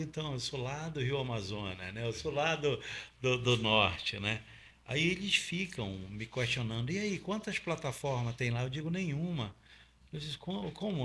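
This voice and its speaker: An oil industry safety trainer from Pará, Brazil, middle-aged and with a Paraense accent, guests in an interview and explains step by step with plenty of fillers and tag questions. His mid-range voice has a sharp tone, with a little hiss or hum in the audio.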